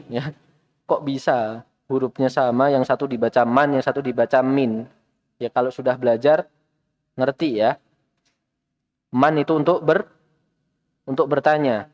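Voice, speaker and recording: An Indonesian man leads an Arabic lesson at a mid pitch and keeps asking his class questions with patience. The recording sounds a little dull and lo-fi. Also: a little mellow. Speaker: Arabic teacher.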